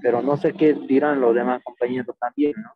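A male student answering his teacher politely and slowly during an online class. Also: mid-range voice, steady tone, no room sound. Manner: polite, slow and hesitant. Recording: dull lo-fi video call.

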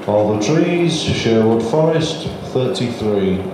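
A bingo caller who draws out each number slowly in a sing-song rhythm. His voice booms around a very echoey hall, over clear background noise. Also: animated. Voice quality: measured, sing-song calling. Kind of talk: bingo calling.

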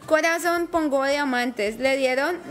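A woman with a high, bright-pitched voice chats through a game live stream. She is talkative and affectionate and keeps greeting viewers by name. Soft music plays faintly underneath. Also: slow. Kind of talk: casual live-stream chat while playing.

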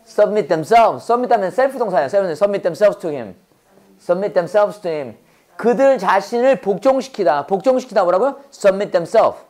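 A woman with a Korean accent teaching English at a church school, drilling phrases call-and-response and explaining quickly in Korean. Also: mid-range voice, animated, a little mellow. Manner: drills words by repetition, prompting the class to repeat; switches fast between slow English and rapid Korean explanation.

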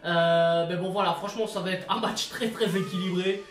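Excitable dude yelling over his football game, sounds a bit far off in an echoey room. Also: high voice, normal speed. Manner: excitable, bursts into shouting at goals, slangy. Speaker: gaming YouTuber. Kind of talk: live gameplay commentary. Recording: roomy, distant mic, music behind.

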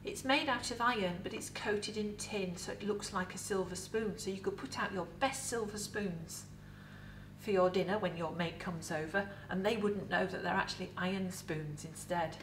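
Here a middle-aged English-accented woman, working as a costumed museum educator, talks food to camera in a bright, conversational way with props on an indoor set. Pitch is medium and pace moderate, with faint hiss or hum. She is heard from a distance amid roomy echo.

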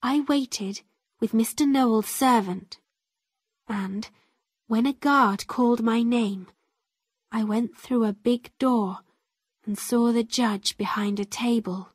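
A woman narrating an easy-level story in the first person, reading slowly and carefully. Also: on the high side, husky, no echo, clean studio sound. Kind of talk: slow graded-reader story narration.

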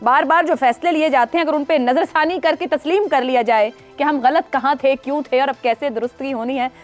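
A woman, hosting a TV talk show in a formal, steady manner and guiding the discussion. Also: high-pitched, a little fast, faint music behind. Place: TV studio.

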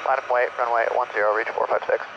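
A pilot heard over an aircraft radio, giving terse, flat readbacks of his clearances to the control tower. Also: mid-range voice, racing. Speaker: military transport pilot. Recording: muffled radio with loud aircraft noise.

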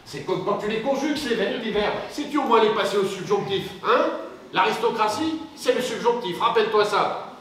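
A didactic coach of manners. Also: male voice, high-pitched, lively intonation, a little fast, a bit bright. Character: man coaching others in aristocratic manners. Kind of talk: film acting. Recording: echoey, distant film sound, faint noise.

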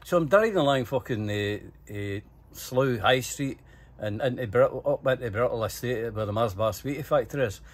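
This is a medium-pitched male voice at normal speed, an older Scotsman spinning casual yarns. He's lively and foul-mouthed, voicing the characters' dialogue himself.

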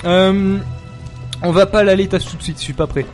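A man streaming a horror game live, talking casually, excitable and jumpy, swearing and laughing often. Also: high voice, brisk, soft background music. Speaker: streamer playing horror games.

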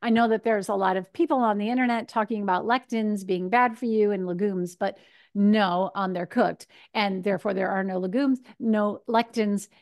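A woman in her fifties from Michigan, a nutrition speaker answering questions in a chatty, animated way over a video call from her home kitchen. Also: medium pitch, normal speed. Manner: chatty and animated, gesturing, acts out her own thoughts. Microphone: video call webcam.

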